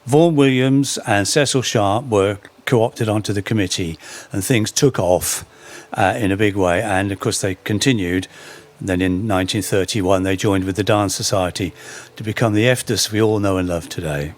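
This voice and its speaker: A man's voice: lowish voice, moderate pace. A man giving a storytelling talk about folk song history, anecdotal and full of wry humorous asides.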